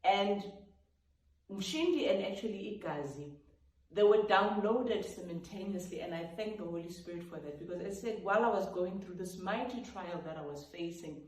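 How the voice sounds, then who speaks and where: A Sotho-speaking gospel singer-songwriter talks animatedly at normal speed about the story behind her song, staying reflective and casual while breaking into sung snippets and vocal sounds. Her voice is medium-pitched and darkish, heard through a distant mic in an echoey room.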